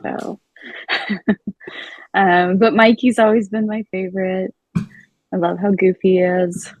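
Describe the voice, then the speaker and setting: Slow, hesitant woman in her forties. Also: mid-range voice, little pitch movement, lo-fi sound. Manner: hesitant, many "um" fillers. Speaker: guest artist. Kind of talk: casual interview chat.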